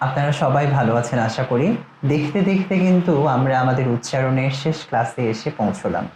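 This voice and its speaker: Man as a recitation teacher, measured word-by-word drills, roomy echo, faint rain behind. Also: mid-range voice, darkish tone, slight background noise. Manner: slow, measured, spells out words one by one. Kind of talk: pronunciation lesson with word drills. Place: outside the studio, storm and rain outside. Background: storm and rain.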